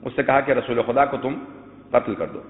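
A man preaching a sermon, telling stories to his listeners and breaking into loud sung recitation of verses. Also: medium pitch, fairly even intonation, a little hiss or hum. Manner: addresses listeners as dear ones, tells stories. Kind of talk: Shia majlis sermon with sung poetry. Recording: tinny phone-like sound with long hall echo.

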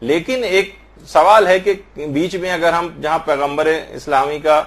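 A man giving a religious lesson on prayer pronunciation, explaining patiently and slowly demonstrating each recited phrase. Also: on the high side. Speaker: religious teacher.

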